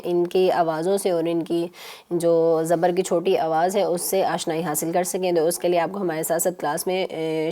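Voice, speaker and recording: A woman teaching children on a TV lesson, patient and coaxing, repeating syllables slowly. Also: on the low side, dark tone. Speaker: Quran teacher.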